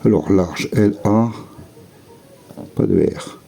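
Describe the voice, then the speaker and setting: A man's voice: on the low side, slow pace, creaky, mellow. A man giving casual, methodical running commentary while scratching lottery tickets, murmuring letters and words to himself.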